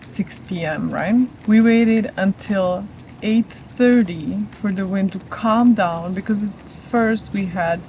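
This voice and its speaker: A woman's voice: medium pitch, takes it slowly, darkish tone. A woman in her thirties with a continental European accent, chatting casually for a sailing vlog. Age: 30s. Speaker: sailing vlogger. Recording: noisy on-board boat recording.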